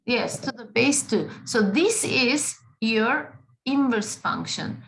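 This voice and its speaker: A woman's voice: on the high side, animated, slow, creaky, fairly bright tone, rough recording. A woman teaching a math class, patient, often checking in with the students. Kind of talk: classroom lesson.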